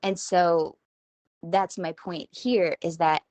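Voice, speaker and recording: A woman's voice: on the low side, fairly even intonation, slow, a little mellow, no echo. A woman in her forties from Texas, hosting a rambling, self-deprecating solo talk from her home kitchen. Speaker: podcast host. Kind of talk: casual solo monologue.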